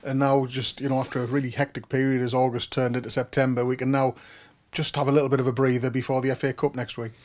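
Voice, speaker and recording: A man asks a football manager prepared questions after a match, for the club's own channel. He speaks quickly and briskly, moving from one question to the next. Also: mid-range voice, little pitch movement, darkish tone. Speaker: club media interviewer. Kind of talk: post-match interview questions.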